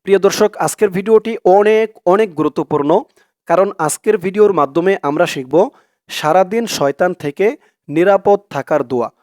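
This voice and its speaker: A man teaching a prayer syllable by syllable, speaking slowly and patiently and drawing out each recited word. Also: high-pitched, darkish tone, dry recording, studio quality. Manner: slow, patient, spells out each syllable and recites Arabic drawn out. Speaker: religious teacher.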